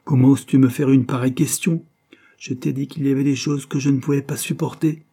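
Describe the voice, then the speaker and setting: A man reading an audiobook, voicing a bitter, sharp-tongued young man who lies sulking in bed. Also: mid-range voice, normal speed, husky, pitched above the performer's own voice, natural voice. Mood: bitter, irritated. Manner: sarcastic, irritated. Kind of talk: audiobook character voice.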